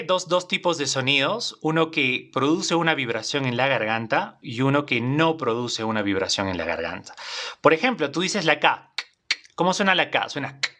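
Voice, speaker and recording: A man with a medium-pitched, pushed, bright voice gives an English lesson in Spanish. Patient and repetitive, he goes over phrases again and regularly asks his students "¿vale?"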